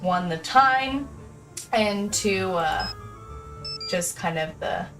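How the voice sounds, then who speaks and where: A woman streaming a game, chatting casually and haltingly with many restarts. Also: mid-range voice, expressive, distant mic, music in the background, low-quality recording. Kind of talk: casual gameplay chat.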